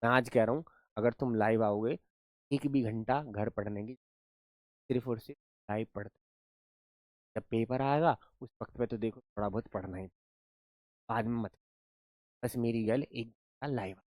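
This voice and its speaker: Man, young, mid-pitched, playful coaxing teacher, dry close sound. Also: measured pace, pauses often, darkish tone, no echo. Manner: playful, coaxing, repeats words for pupils. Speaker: online teacher. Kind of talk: live class teaching vocabulary.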